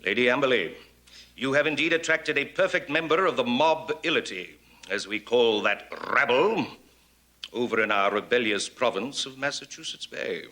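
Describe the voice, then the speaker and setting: A man's voice: mid-range voice, expressive, moderate pace, pushed and bright. An actor playing a pompous aristocratic English statesman, lecturing in a period film. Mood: haughty. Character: haughty aristocratic English statesman, older man. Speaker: Lord North, Prime Minister.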